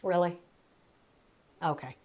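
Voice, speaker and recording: A woman's voice: on the low side, takes it slowly, darkish tone. A woman in her fifties hosting a casual advice vlog from a small closet, speaking in an earnest, direct, conversational way. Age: 50s. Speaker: parenting vlog host answering a letter.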